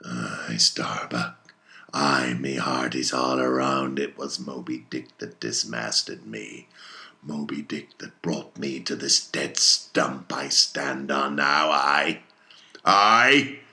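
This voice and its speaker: A man's voice: extremely low pitch, flat delivery, slow pace, gravelly, sharp tone, pitched below the performer's own voice, exaggerated voice. A man voicing an obsessed, vengeful old sea captain with fierce, brooding archaic oratory, as in a storybook reading. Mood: bitter, brooding, then anguished rage.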